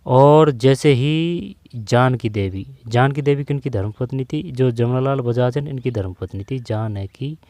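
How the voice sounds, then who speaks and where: A man runs through exam questions in a relaxed tutoring style. His tone is dark and mellow, and the recording is dry and close. He repeats each answer several times and keeps checking in with the listener. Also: medium pitch, unhurried, few pauses, no room sound. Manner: repeats key answers, frequent "theek hai" check-ins. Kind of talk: casual exam-prep lesson.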